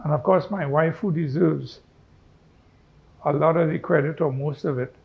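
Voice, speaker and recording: A man's voice: a little high, moderate pace, vocal fry, husky, dull audio. A man speaking reflectively in an interview, often adding little tag questions. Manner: musing, with frequent tag questions.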